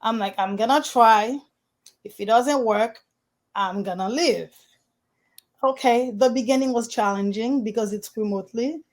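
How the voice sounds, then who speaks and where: A woman's voice: a little high, a little slow. A woman from Haiti, a realtor guest in an interview, telling her story in an earnest way, with slightly non-standard phrasing. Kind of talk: conversational interview.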